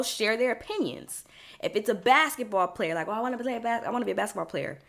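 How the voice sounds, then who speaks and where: A woman's voice: on the low side, a bit bright. A young woman talks through her thoughts on her own podcast. Her delivery is casual and reflective, full of "like" and restarts as she works out what she means. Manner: chatty and reflective, many fillers and restarts. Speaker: podcast host. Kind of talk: casual solo podcast monologue.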